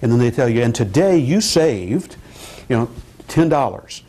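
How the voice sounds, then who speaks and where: An older man, a marketing professor, explaining calmly in a news interview in his office. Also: medium pitch, low-quality recording. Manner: measured, explanatory, with fillers and restarts. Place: office, indoors.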